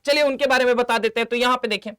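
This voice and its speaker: High-voiced teacher chanting memory tricks. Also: male voice, steady tone, a bit bright, clear, resonant tone. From India. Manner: quizzes students with repeated questions and chants memory tricks slowly; affectionate, calls students 'beta' and 'mere laal'. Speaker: chemistry teacher. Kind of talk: online exam-prep lecture.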